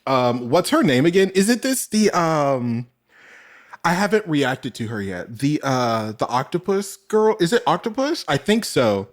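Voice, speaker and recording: Male reaction host, casual and profane, pitch leaps all over. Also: big pitch swings, measured pace. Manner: laughs often and swears freely.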